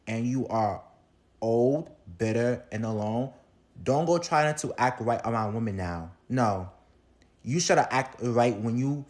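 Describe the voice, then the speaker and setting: A man's voice: medium pitch, darkish tone. Blunt lecturing man, mid voice. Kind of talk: lecturing commentary.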